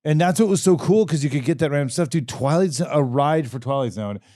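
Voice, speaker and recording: A man's voice: fairly high pitch, expressive, brisk, dark tone, no room sound, studio quality. A man co-hosting a casual comedy podcast, telling stories with easy enthusiasm and casual swearing. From Southern California. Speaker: podcast co-host.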